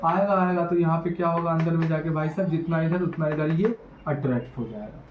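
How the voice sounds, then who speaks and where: Man, physics teacher, classroom lecture, slightly high voice, echoey room. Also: fairly quick. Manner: repetitive, asks students questions. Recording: echoey room, muffled lo-fi, faint noise.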